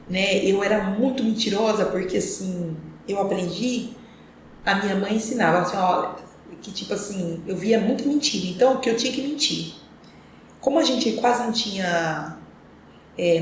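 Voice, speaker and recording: Woman reminiscing in an echoey room. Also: mid-range voice. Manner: earnest, reflective, rambling storytelling with frequent pauses and restarts. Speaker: interview guest. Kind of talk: telling her life story in a podcast interview. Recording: echoey room with faint ambient noise.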